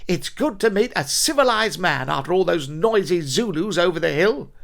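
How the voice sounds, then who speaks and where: Guy doing a cranky stuck-up old english gent for a cartoon, huffy and indignant, bouncy up and down pitch. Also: animated, normal speed, gravelly, fairly bright tone, full character voice. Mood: grumpy. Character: grumpy pompous old Englishman.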